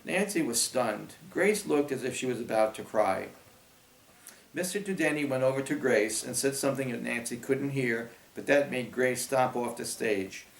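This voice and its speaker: Brief: male narrator, mid pitch, gravelly, reading in an echoey room. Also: normal speed. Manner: steady storytelling. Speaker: audiobook narrator. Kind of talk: scripted narration. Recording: roomy echo.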